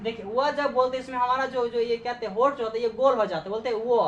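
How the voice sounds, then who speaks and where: A woman with a fairly high voice lectures like a teacher, posing questions and answering them herself while going back over each point. Her voice rings around an echoey room. The recording sounds dull and lo-fi. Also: steady tone, very fast, a little hiss or hum. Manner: frequent "okay" checks with students. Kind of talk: classroom lecture.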